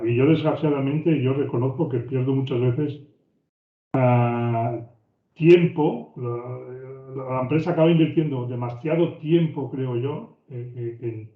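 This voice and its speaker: A man with a Spain Spanish accent teaches an online business course, speaking at an everyday pitch. He talks conversationally, circling back and repeating words as he builds each point. The audio is thin and phone-like, with a roomy echo from the online call. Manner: conversational, often repeats words and restarts phrases. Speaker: business trainer. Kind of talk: online training lecture. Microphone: video call microphone.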